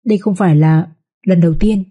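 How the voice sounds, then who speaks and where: A woman's voice: fairly low pitch, a little fast, warm tone, slightly rough. A woman voicing a scheming pregnant young concubine who wails and whimpers her complaints. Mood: accusing.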